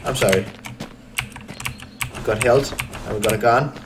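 A young man in casual let's play commentary, swearing a lot, repeating "all right" and shouting in panic during fights. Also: medium pitch, moderate pace, background noise. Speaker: gaming YouTuber.

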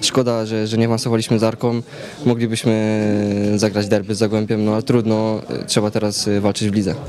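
A young man in his twenties, a football player giving a halting post-match interview full of fillers and repeats, into reporters' handheld mics. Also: lowish voice, level tone. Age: 20s. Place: noisy hallway by sponsor backdrop after a match. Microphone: several reporters' handheld mics held close. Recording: loud crowd noise behind. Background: loud crowd chatter.

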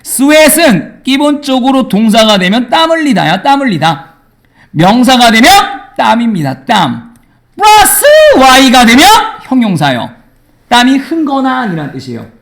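A man teaching an English grammar lesson in a classroom, lively and teasing with his students. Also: very high-pitched, unhurried, creaky.

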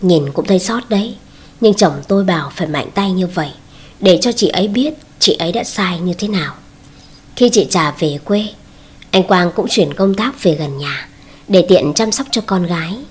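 A woman storyteller reading a family drama aloud in a steady, even, scripted narration. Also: on the low side, moderate pace, husky.

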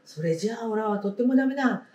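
A woman's voice: on the high side, expressive, very fast, a little mellow, pitched above the performer's own voice, close to an everyday voice. A woman voicing a timid five-year-old boy from a storybook, who speaks in a small, near-tearful voice. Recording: roomy sound, distant mic.

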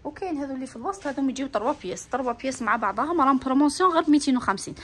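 A woman's voice: sits high, lively intonation, very fast, slightly rough. A woman with an Algerian Arabic accent filming inside a bag shop on her phone, eagerly reeling off prices and gushing over the bags as a shopping vlogger. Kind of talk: product showcase vlog. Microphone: handheld phone while filming.

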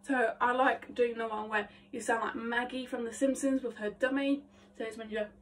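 A young woman vlogging her vocal warmup, chatty, rambling and self-mocking, her voice slightly phlegmy. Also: on the high side, steady tone, normal speed, noisy background. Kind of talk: casual vocal warmup vlog. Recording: voice a bit distant from mic.

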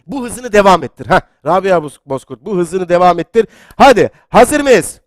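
A man hosting a live-streamed quiz show, chatty and excitable, reading out viewer comments and sometimes getting loud. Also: high-pitched, normal speed, no echo, clean studio sound. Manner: excitable, gets loud then apologizes.

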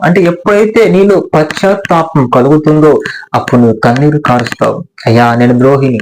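A man's voice: fairly high pitch, a little mellow, poor audio. A male pastor preaching a sermon, addressing his listeners with repeated appeals and rhetorical questions.

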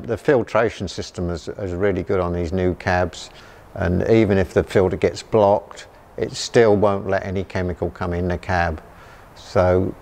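An older man with a slightly low voice speaks in plain, enthusiastic terms, often repeating a word before carrying on. He is a sprayer operator giving a customer testimonial in a large farm machinery shed, recorded on a clip-on mic. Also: a little mellow. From England.

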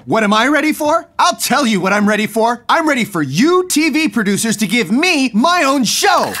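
A man voicing an eager young male cartoon cat who is excitable and stammers when flustered. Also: very high-pitched, moderate pace, heavily acted.

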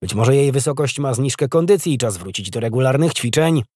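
A man's voice: medium pitch, animated, fairly quick, a little mellow, no room sound, pitched above the performer's own voice, lightly acted. A man voicing a cold, commanding young prince who speaks curtly with dry authority. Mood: dryly mocking.

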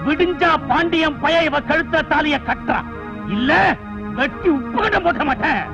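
A domineering village father scolds his family in a very high voice. His shouting sits on a dull, lo-fi film soundtrack with loud music under it. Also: normal speed. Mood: scornful. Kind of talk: 1980s film dialogue.

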